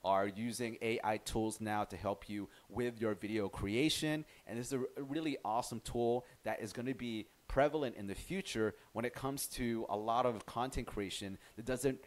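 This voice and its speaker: A man hosting a casual software tutorial, chatty and relaxed, often restarting his sentences. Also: mid-range voice, normal speed, few pauses. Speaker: tutorial host.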